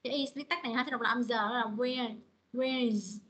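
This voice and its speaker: A woman's voice: fairly high pitch, fairly even intonation, fairly quick, a bit bright, slight background noise, poor audio. A woman teaching an online English pronunciation class, repeating phrases and calling on students by name.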